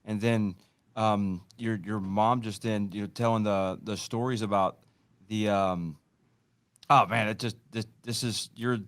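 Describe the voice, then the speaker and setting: A man hosting a podcast, asking questions in a halting way, searching for words with many restarts. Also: on the low side, fairly even intonation, smooth. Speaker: podcast host. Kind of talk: casual interview questions.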